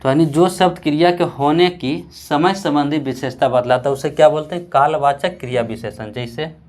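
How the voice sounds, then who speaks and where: A man from Bihar teaching a grammar lesson, repeating words slowly for students to write down and answering his own questions. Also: fairly high pitch, a little mellow. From Bihar, India.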